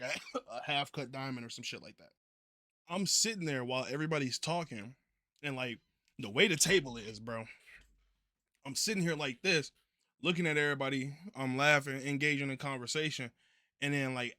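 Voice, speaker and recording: A man's voice: medium pitch, bright, forceful tone, no room sound, clean studio sound. A young man telling a story in a casual, laid-back way, full of profane slang.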